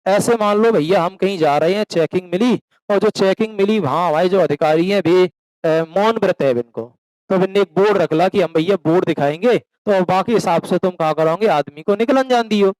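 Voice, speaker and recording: A man's voice: high voice, moderate pace, a little mellow, dry recording, poor audio. A man teaching a classroom lecture, asking questions and answering them himself, addressing students as beta and slipping into rural dialect for examples. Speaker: coaching teacher.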